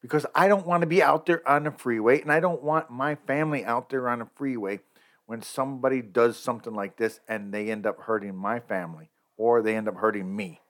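A man's voice: mid-range voice, fairly quick, a bit bright. A man hosting a podcast, ranting emphatically about hit-and-run drivers. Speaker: podcast host. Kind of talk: opinionated podcast commentary.

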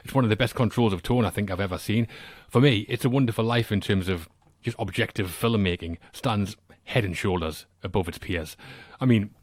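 A man's voice: on the low side, a little fast, few pauses, no echo. A British man delivering confident, opinionated film verdicts in casual podcast chat.

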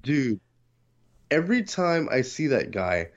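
Male co-host, mid-range but very animated, casual and sweary, slightly muffled sound. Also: mid-range voice, slow pace. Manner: animated, slangy, sweary, acts out reactions. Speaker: podcast co-host. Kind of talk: casual chat.

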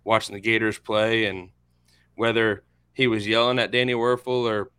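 A man's voice: on the low side, flat delivery, moderate pace, sharp tone, clear, resonant tone. A man in his thirties from central Florida with an American accent, chatting casually about sports as a panelist. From central Florida, USA. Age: 30s.

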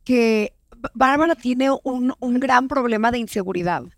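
A woman with a high voice that has a gravelly edge speaks frankly and gives a firm opinion. The sound is dry and close to the mic. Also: moderate pace, no room sound. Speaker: reality show contestant guest. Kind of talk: casual chat.

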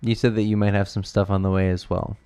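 A young man hosting a casual podcast chat, relaxed and a little rambling, quick to laugh. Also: on the low side, clean tone. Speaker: podcast host.

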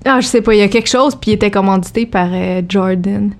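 A woman with a Québécois accent, a boxer guest telling lively anecdotes in a casual chat. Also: medium pitch, quick pace. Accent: Québécois French. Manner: animated anecdote teller, acts out quotes.

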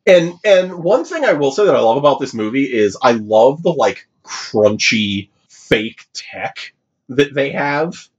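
A man recaps a film on a casual podcast with a lively, swooping delivery and a slightly husky voice. He keeps jumping into high mock voices to quote the characters. The audio is a little dull and lo-fi. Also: a little slow. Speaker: podcast co-host. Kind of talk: casual movie podcast chat.

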